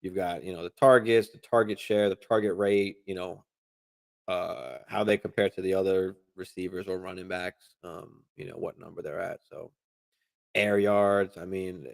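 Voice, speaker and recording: With a deep, creaky voice at an ordinary speed, a guy hosting a live fantasy football show responds to viewers in a laid-back manner. He curses openly and leans heavily on fillers and restarts.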